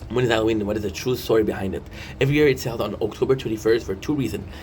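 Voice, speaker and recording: A man in his thirties races through his casual vlog in a fairly low, darkish voice, reading and commenting as he goes. He's jokey and playful, keeps interrupting himself with asides, and clear background noise can be heard.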